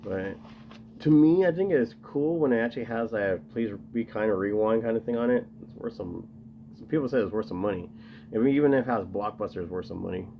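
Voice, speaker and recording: A man's voice: on the low side, fairly quick, dull audio, slight background noise. A man casually rambling to camera as he shows off his collection, enthusiastic and full of fillers. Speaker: video host showing his tape collection.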